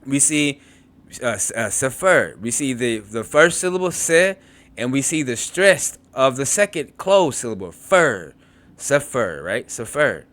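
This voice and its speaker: Reading from a textbook for beginning Hebrew students, this male teacher speaks a little slowly, with a medium, slightly bright pitch that swings widely. He keeps stopping to explain, restarting and adding asides, and says words over to demonstrate pronunciation.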